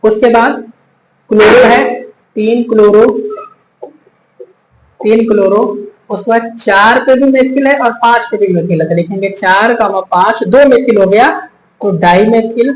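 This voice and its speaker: A man's voice: high-pitched, measured pace, pauses often, a little hiss or hum. A male chemistry teacher giving a whiteboard lesson, patiently repeating steps, counting aloud and addressing his students as children. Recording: echoey room, faint ambience.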